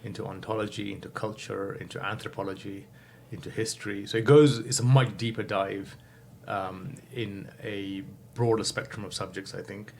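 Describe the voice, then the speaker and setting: A man's voice: lowish voice, steady tone, normal speed, gravelly, few pauses. Thoughtful man in his fifties. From England. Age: 50s. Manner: thoughtful, many fillers, self-correcting. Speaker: guest. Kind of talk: reflective interview answers.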